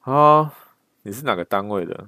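A man's voice: fairly low pitch, expressive, moderate pace, bright, forceful tone, no echo. A man voicing an angry male army duty officer who barks scolding questions.

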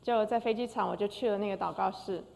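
A woman's voice: mid-range voice, fairly even intonation, fast, vocal fry, a little mellow. An older woman, a concert pianist, giving an emotional personal testimony with frequent hesitations. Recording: long hall reverb.

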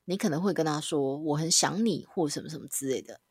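A woman's voice: low-pitched, fast talker, darkish tone, slightly rough, dry recording, clean studio sound. A woman casually telling a personal story on a podcast. She swears now and then and acts out her own lines as quoted dialogue. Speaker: podcast co-host.

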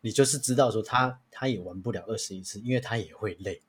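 A man's voice: on the low side, fast, a bit bright, slight background noise. A young adult man with a Taiwanese Mandarin accent, a podcast host chatting casually and telling stories with many restarts and fillers. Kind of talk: casual chat.

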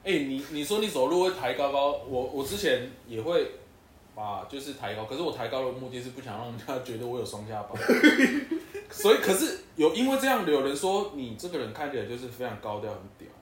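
A man's voice: medium pitch, animated, fairly quick, recorded from a distance. A man in his twenties with a Taiwanese Mandarin accent, co-hosting a casual podcast chat; he talks frankly and asks a lot of questions. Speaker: podcast co-host. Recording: echoey room, faint noise.

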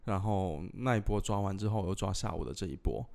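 A man's voice: low voice, fairly quick, gravelly, darkish tone. A young adult man co-hosting a podcast in casual conversation. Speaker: podcast co-host. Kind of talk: casual chat.

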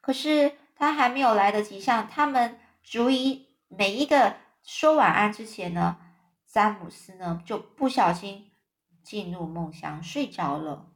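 A woman reading a children's story aloud in a lively, chatty way, adding casual fillers. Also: on the high side.

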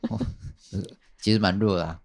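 Guy, kinda low voice, just chatting on a podcast, rambles and repeats stuff a lot. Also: fairly even intonation, measured pace. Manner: rambling, repeats phrases, many fillers. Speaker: podcast guest telling a work story. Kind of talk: casual podcast chat.

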